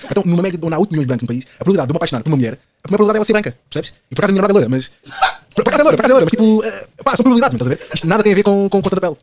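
There's slight background noise as a high-pitched man in his twenties talks very fast, his pitch swinging widely and his tone darkish. He's a podcast guest with a European Portuguese accent, rambling in Lisbon slang with fillers and tag questions.

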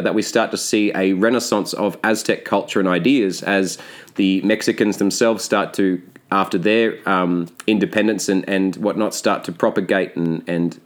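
An Australian man hosting a casual history podcast, joking and rambling with frequent restarts. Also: deep voice. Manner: jokey, rambling, self-correcting. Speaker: podcast host.

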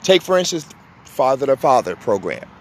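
A man's voice: medium pitch, sing-song, moderate pace, a little hiss or hum. A man hosting a podcast, delivering a fiery, blunt and profane monologue, hammering his points home by repeating them. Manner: emphatic, repeats points for force. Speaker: podcast host. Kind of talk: impassioned monologue.

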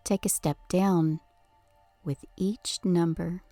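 A woman leading a guided hypnosis session with a slow, soothing countdown delivery, soft and breathy at phrase ends. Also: on the low side, steady tone, no echo, soft background music. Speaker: hypnosis podcast host.

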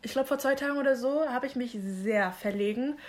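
A young woman co-hosting a casual podcast chat, playful and teasing, with loud exclamations. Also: high voice, brisk. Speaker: podcast co-host.

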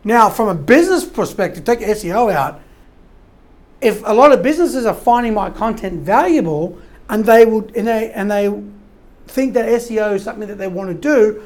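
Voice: mid-range voice, expressive, normal speed. Rambling SEO consultant, voice wearing out. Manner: rambling, frequent restarts and tag questions. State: losing voice from talking long. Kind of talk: informal explanatory talk.

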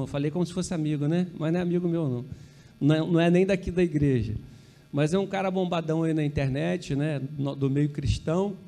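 Brazilian pastor guy, high voice, chatty sermon, jokes at himself. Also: darkish tone. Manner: conversational, peppered with tag questions to the congregation; self-correcting, joking asides.

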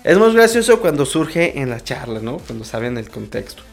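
A Mexican man rambles through a comic monologue in a mid-pitched voice, swearing freely and wandering off topic. He chuckles at his own jokes as he goes. Faint music plays underneath. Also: big pitch swings, moderate pace, vocal fry. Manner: crude and rambling, full of swearing and slang. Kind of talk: casual comedic monologue.

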